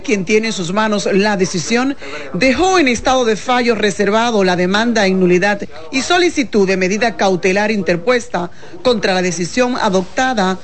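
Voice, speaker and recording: A woman delivers a news report with measured, formal phrasing. Her voice sits in the middle range. She reads in an even broadcast style. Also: medium pitch.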